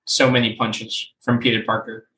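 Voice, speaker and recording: A man's voice: lowish voice, level tone, moderate pace, pushed and bright. Young male co-host, casual and opinionated, rambles with many fillers, recorded in a roomy space with faint background noise. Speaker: podcast co-host. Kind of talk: casual chat.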